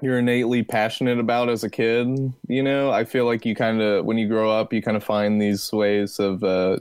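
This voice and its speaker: A man's voice: fairly low pitch, little pitch movement, moderate pace, a little mellow, clean tone, dry recording. A man in his twenties from Texas, chatting casually on a podcast, rambling with many fillers and restarts. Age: 20s. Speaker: podcast guest.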